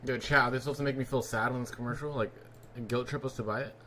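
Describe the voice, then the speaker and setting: Male host, mid-pitch, laid-back and jokey; casual trading stream. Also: fairly even intonation, fast, bright, forceful tone, a little hiss or hum. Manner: joking, laid-back banter. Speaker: livestream host and trader. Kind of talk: casual livestream chat.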